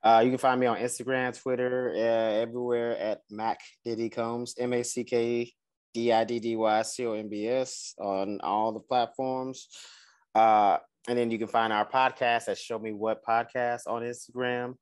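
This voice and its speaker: A man's voice: medium pitch, flat delivery, normal speed, clean tone. A man co-hosting a podcast in casual chat, laid-back and slangy, swearing freely. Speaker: podcast co-host.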